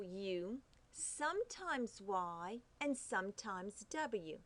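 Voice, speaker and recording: A woman teaching a phonics lesson, carefully saying each letter sound and repeating it. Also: medium pitch. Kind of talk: slow, deliberate phonics lesson.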